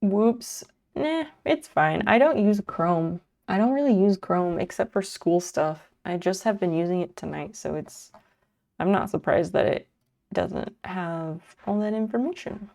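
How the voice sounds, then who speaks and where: Sleepy, slow-talking woman streamer. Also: lowish voice, creaky, a little mellow. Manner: rambling, offhand, swears casually. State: sleepy, yawning. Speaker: live streamer. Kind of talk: casual live-stream chat.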